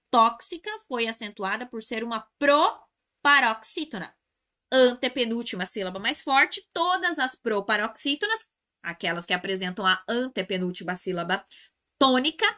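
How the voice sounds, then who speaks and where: Bright-voiced Brazilian woman teaching grammar. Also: on the high side. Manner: explains step by step, repeats key terms, addresses students as "gente". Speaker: Portuguese language teacher. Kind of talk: exam review lesson.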